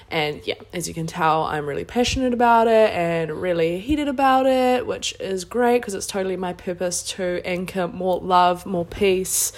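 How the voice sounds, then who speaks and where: A woman with a New Zealand accent hosting a casual solo self-help podcast, speaking earnestly, emphatically and informally. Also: lowish voice. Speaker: podcast host.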